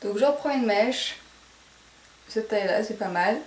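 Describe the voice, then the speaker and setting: A woman with a slightly high voice and a posh French accent demonstrates a hair tutorial. She hesitates often, pads her phrases with fillers and keeps correcting her own words. The camera picks her up from some distance in a roomy, echoing space. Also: unhurried, a little hiss or hum. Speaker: beauty vlogger. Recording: echoey room, mic at a distance.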